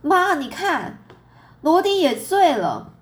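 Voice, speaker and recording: A woman voicing a young girl who tattles on her brother, shouting loud, high and indignant. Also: lively intonation, a little fast. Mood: shrill tattling.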